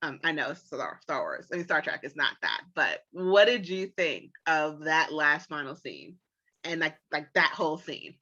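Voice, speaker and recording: A woman co-host with a lowish, bright, forceful voice chats through an episode review. She is animated and playful, acting out her own surprised reactions. The recording sounds a little dull and lo-fi. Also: moderate pace. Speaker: podcast co-host. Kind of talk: casual episode review chat.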